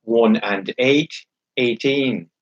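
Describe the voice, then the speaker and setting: Male bingo caller, dull lo-fi sound. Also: medium pitch. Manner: measured, repeats each number clearly in a set formula. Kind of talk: bingo calling, announcing numbers digit by digit with traditional nicknames.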